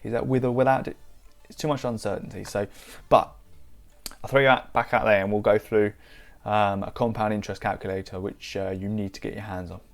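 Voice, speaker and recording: Casting note: man, 30s, low voice, chatty rambling explainer, faint music underneath. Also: little pitch movement, a little fast. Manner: rambling, frequent restarts and fillers. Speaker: investing YouTuber. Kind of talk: casual explainer to camera.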